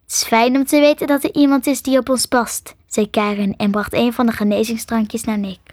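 A woman narrates a storybook in a high, light voice, close to the mic with no room sound around her. She reads the narration evenly and pushes her pitch and volume up when the characters speak. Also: fairly quick, no room sound. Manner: lifts her voice higher and louder for excited dialogue. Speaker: audiobook narrator.

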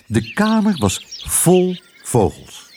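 Expressive man reading a children's story. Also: high voice, slow pace, a little hiss or hum. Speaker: narrator.

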